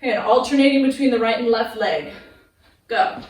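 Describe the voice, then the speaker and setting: A woman's voice: on the high side, normal speed, a little mellow, slight background noise. A woman leading a workout class in fitness influencer style, giving instructional, encouraging cues and counts. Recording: echoey room, distant microphone.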